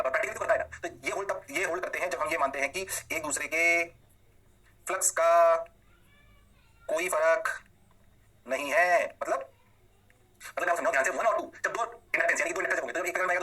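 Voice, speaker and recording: A man teaching physics in a recorded lecture, talking rapidly and animatedly and firing questions at his students. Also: fairly high pitch, pushed and bright, breathy edge.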